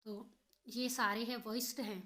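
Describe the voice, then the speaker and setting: Bright-voiced woman teaching a lesson. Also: fairly high pitch, fairly even intonation, normal speed. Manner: repeats and rephrases points, switching between English and Hindi. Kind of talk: exam-prep phonetics lesson.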